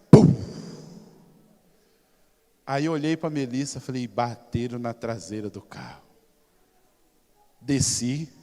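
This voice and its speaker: Brazilian male pastor, high voice, emphatic storyteller, church hall reverb. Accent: Brazilian Portuguese. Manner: emphatic, storytelling, swings between loud and soft. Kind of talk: sermon.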